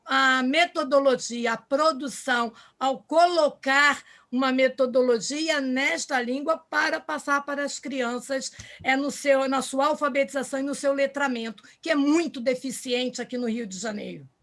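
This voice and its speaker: A Brazilian woman speaks as a panelist over a video call, her voice high and bright. She hesitates and repeats herself as she searches for the right words. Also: normal speed. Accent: Brazilian Portuguese. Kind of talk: explanatory talk in an online panel.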